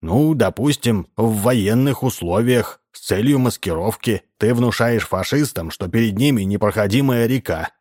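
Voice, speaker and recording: A man's voice: lowish voice, animated, moderate pace, hardly any pauses, a little mellow, no echo, clean studio sound. Fields: Figure: man reading as a sly middle-aged building boss. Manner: wheedling. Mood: scheming. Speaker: building contractor.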